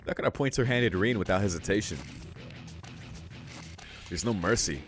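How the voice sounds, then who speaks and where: A man hosting a let's play reads game text aloud and drops informal, exclamatory reactions between the passages. His voice is on the low side and expressive, at a normal speed, with music playing in the background.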